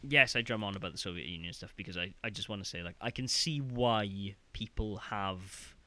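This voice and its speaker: Bright, animated young man chatting. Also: lowish voice, moderate pace. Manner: rambling, animated, quotes game lines in mock voices. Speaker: podcast co-host. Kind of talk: casual podcast chat.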